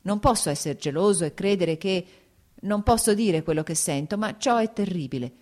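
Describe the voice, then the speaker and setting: A woman's voice: mid-range voice, expressive, moderate pace, dark tone, close to an everyday voice. A woman voicing an agitated, jealous young husband in an audiobook, speaking in pleading, broken outbursts. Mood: anguished.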